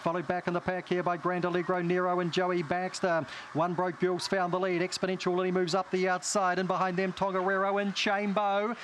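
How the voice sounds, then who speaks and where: A male greyhound race caller with a New Zealand accent gives live commentary in a high, flat-toned voice. He reels off the runners in clipped phrases, with faint track noise behind him. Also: fairly quick.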